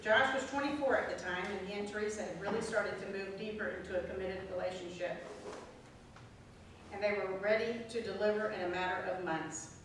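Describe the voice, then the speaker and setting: A woman telling her personal faith testimony as a guest speaker at a prayer group, earnest and storytelling, with emphatic pauses. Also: medium pitch. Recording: echoey room, mic far off, faint noise.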